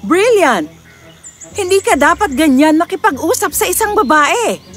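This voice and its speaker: Woman voicing a gentle queen, calm, high voice, storybook cartoon. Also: measured pace, faint music behind, full character voice. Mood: correcting. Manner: calm, reassuring.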